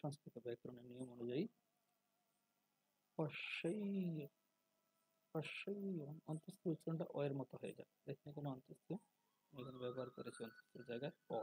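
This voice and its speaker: A man gives a slow, patient lesson, explaining each word and then chanting it drawn out and louder. His voice is gravelly, dark and a bit husky, and it sits close and dry with no room around it. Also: medium pitch, fairly even intonation, dry recording, poor audio. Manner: explains in plain talk, then chants words slowly and loudly. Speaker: Sanskrit recitation teacher. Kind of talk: spoken lesson on verse pronunciation.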